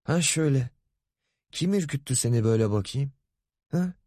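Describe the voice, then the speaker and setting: A man puts on a voice pitched higher than his own to play a pompous, lecherous middle-aged boss in an audiobook, veering between wheedling, grumbling and barking orders. His mid-range voice is expressive and darkish at a normal speed, and it still sounds natural. The studio-quality recording has no room sound.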